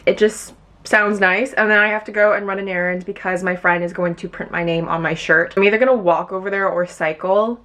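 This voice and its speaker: A woman's voice: mid-range voice, steady tone, brisk, a bit bright. Chatty young woman vlogging. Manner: chatty, upbeat, lots of "like". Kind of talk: casual vlog chat. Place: home kitchen.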